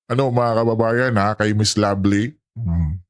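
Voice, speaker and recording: A man's voice: fairly low pitch, normal speed, no room sound. A man hosting a casual reaction commentary, often addressing his viewers and laughing in asides. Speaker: commentary channel host.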